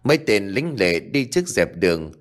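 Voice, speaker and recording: A man narrating an audiobook story in a measured storytelling manner. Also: on the low side, very animated.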